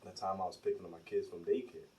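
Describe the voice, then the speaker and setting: A man's voice: deep voice, fast, recorded from a distance, poor audio. A man in his thirties, a podcast co-host, telling a story in casual chat and acting out the voices of the people in it. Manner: animated storyteller, acts out quoted dialogue.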